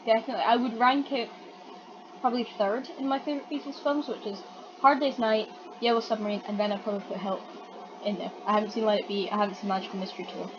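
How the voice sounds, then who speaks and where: A woman co-hosting a casual film review chat, quick to jump in, her throat rough from hay fever. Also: medium pitch, fairly even intonation. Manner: chatty, quick to interject, swears casually. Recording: dull lo-fi audio with noisy background.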